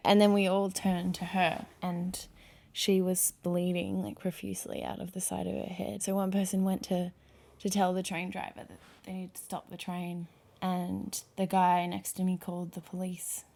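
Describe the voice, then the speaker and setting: A woman's voice: fairly low pitch, monotone, moderate pace, vocal fry. A young woman casually recounting a personal story to her partner, hesitant, with lots of fillers and restarts. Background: soft background music.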